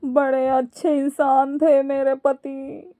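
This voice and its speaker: A grieving widow speaking through tears, as a woman storyteller puts her on. Her voice is mellow and slow, a little raised in pitch, recorded dry and close. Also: level tone, dry recording. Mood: tearful. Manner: tearful, pleading.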